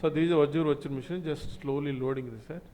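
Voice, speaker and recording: A man teaching cloud computing in a live online class, speaking through a computer mic on a video call and explaining in halting, repetitive phrases. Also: fairly high pitch, steady tone, a crowd in the background, rough recording.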